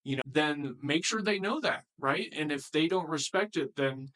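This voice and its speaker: A man with a somewhat high voice talks to viewers in an earnest, informal way and calls them "guys". He gives practical recovery advice as a coach and often circles back to repeat his points. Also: moderate pace, a bit bright, poor audio. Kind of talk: informal advice talk to camera.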